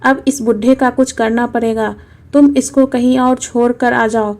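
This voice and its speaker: A harsh, scornful young mother snaps and scolds, as a woman narrating a storybook puts her on. The voice is fairly high yet mellow. Her words come sharp and cutting. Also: steady tone, a little slow. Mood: scolding.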